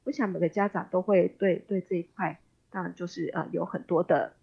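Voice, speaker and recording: A woman's voice: lowish voice, steady tone, fairly quick, creaky, breathy edge, lo-fi sound. A woman with a Taiwanese accent speaking as an expert guest in a radio interview, explaining things conversationally with empathy and the odd English word. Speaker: expert guest, special education professor.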